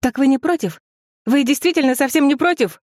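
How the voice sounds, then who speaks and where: A man's voice: high voice, a little mellow, no echo, studio quality, voice pushed up, close to an everyday voice. A man doing a flustered anxious young woman. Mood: desperate. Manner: breathless rapid chatter. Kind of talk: audiobook character voice.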